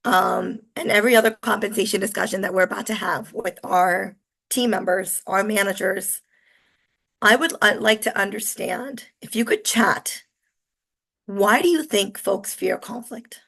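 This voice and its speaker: Hoarse woman in her forties with a gravelly, coarse voice, hosting an upbeat, chatty webinar over a video call. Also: mid-range voice, a little slow, fairly bright tone. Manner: chatty, upbeat, filler-heavy. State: hoarse from illness. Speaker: webinar presenter. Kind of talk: live online presentation.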